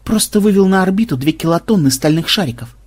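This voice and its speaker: A man's voice: high voice, lively intonation, quick pace, voice pushed up. A man voicing a smug male programmer who speaks with a mocking grin.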